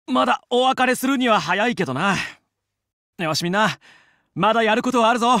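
Fox, a high-pitched heroic pilot. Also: male voice, expressive, brisk, pushed and bright, no echo, studio quality, exaggerated voice. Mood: calm, reassuring. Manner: commanding, earnest. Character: determined heroic fox space pilot, young male squad leader. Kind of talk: Japanese video game voice acting, battle callouts.

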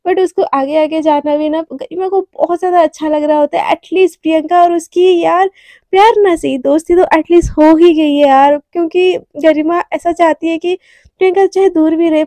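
A woman's voice: very high voice, fairly even intonation, normal speed, warm tone, dry recording. A young woman telling a story in a chatty, informal way with many asides. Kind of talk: casual storytelling.

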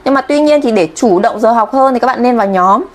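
A woman's voice: a little high, a little fast. A woman from Vietnam teaching Japanese kanji on a live stream, chatty and checking in with viewers constantly.

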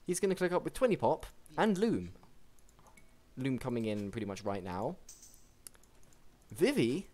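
A young man casually commentating a strategy game match, chatty and excitable, with frequent restarts. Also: medium pitch, a little slow, pauses often. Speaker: game caster.

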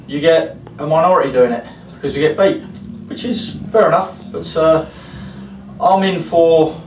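A man, a football manager giving a frank post-match interview, rambling with many fillers. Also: a little high. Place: club interview room, indoors. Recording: roomy echo, distant mic, faint hiss.

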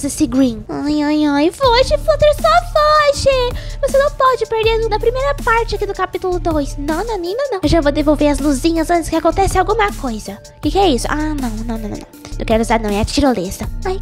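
A woman hosting a let's-play, narrating her game in jumpy exclamations and talking to viewers and to herself. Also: very high-pitched. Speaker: gaming channel host. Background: game music.

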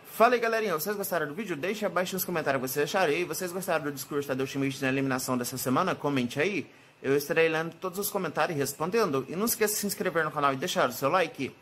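A man's voice: a little high, rapid-fire, over music. A young man on his phone, introducing and closing his channel's video casually and asking for likes. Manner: upbeat, pleading for likes and subscribers. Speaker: YouTuber.

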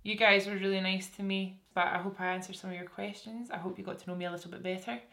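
A Scottish beauty vlogger talks quickly in a medium-pitched, fairly bright voice that barely moves in pitch. Seated in a small room before a curtain, the young woman casually answers what viewers assume about her, mocking herself and often starting over.

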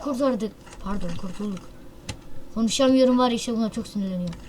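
Excitable woman gamer, high voice. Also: noisy background. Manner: excitable, loud outbursts and quick exclamations; slangy, self-mocking banter with viewers. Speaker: gaming channel host. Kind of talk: live mobile shooter gameplay commentary.

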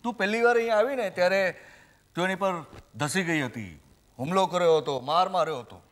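A coaxing hospital doctor. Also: male voice, high voice, fairly quick, fairly bright tone. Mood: explaining. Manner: soothing, humoring the patient, mixing English. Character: middle-aged male doctor, patient and coaxing. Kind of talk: stage play acting.

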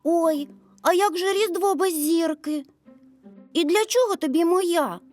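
A woman's voice: extremely high pitch, measured pace, soft background music, pitched above the performer's own voice. Woman playing an eager little boy. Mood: eager earnest. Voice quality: bright, eager. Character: young boy, eager and brave.

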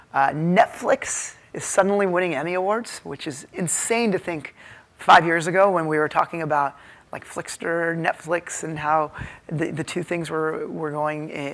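A tech executive from the U.S., in his 30s, gives a keynote at a hotel conference ballroom, miked with a lapel microphone. The talk is informal and halting, heavy with fillers, and his voice is a little high and a bit bright.

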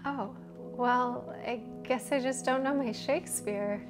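A woman's voice: sits high, slow, over music. An actress playing a polite, awkward young girlfriend with a hesitant manner in a naturalistic drama. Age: young adult. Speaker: actor. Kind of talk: naturalistic scripted drama acting. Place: indoors in an apartment.

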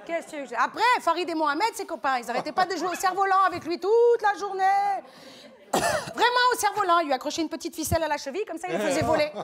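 A brash Tunisian aunt. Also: female voice, very high voice, fast talker. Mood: flirty gossip. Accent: Tunisian French. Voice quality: loud, teasing, rambling. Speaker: comic guest. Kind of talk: TV comedy sketch character. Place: TV studio. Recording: studio audience laughter.

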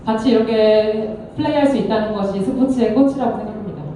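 A woman's voice: fairly high pitch, fast talker, mellow, slight background noise. A woman working as a consecutive interpreter, speaking hesitantly and correcting herself as she goes. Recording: very echoey hall, distant microphone.

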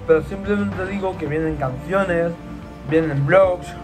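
In a small room, a man answers follower questions on a casual vlog recorded through a laptop webcam, with music underneath. His voice is on the high side and unhurried, and he's chatty and repetitive, gesturing a lot with his hands.

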